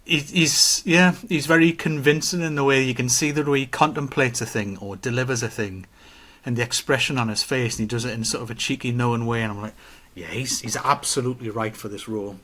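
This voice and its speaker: A man, chatting casually as a podcast co-host, telling stories with animated acted-out quotes. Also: medium pitch, brisk, few pauses. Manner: animated storytelling, acts out quotes. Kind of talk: casual chat.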